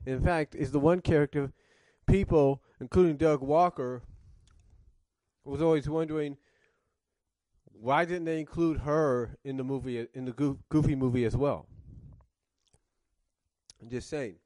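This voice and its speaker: A man's voice: a little high, steady tone, measured pace, pauses often, mellow, no echo. A man reviewing cartoons in casual commentary, rambling and circling back to rephrase, coughing now and then with a cough drop in his mouth.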